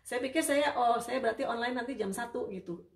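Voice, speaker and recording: Fast-talking woman with a gravelly voice. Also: fairly high pitch. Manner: chatty, with many hesitations and fillers; warm and apologetic toward viewers. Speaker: ABA therapist hosting a live Q&A. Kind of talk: casual live-stream Q&A lesson. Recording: roomy sound, distant from the mic.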